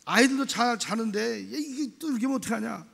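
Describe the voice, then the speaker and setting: A male pastor delivers a sermon with lively, animated energy, acting out voices and raising to shouts. His voice sits high and has a gravelly edge. It rings with a long reverb, as in a church hall. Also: quick pace. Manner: animated preaching, acts out dialogue with shouts.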